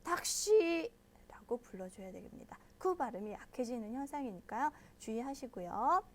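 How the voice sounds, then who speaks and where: A woman's voice: high voice, animated, a little hiss or hum. A woman teaching a language lesson, explaining patiently step by step and checking in with her listeners often. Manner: models pronunciation slowly and loudly.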